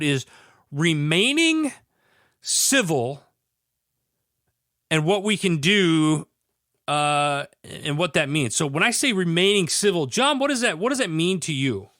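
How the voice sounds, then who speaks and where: Fairly high-pitched, bright and forceful, this podcast host's voice is stuffed up from a head cold. In a casual chat he rambles earnestly and keeps restarting his sentences, all captured in a very dry recording without any room sound.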